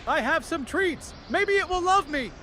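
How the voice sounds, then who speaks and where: A man's voice: extremely high pitch, animated, moderate pace, sharp tone, slight background noise, heavily acted. A man voicing a cheerful, reckless young alchemist in a fantasy comedy, eager and full of optimism. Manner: eager, enthusiastic. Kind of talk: scripted fantasy comedy dialogue.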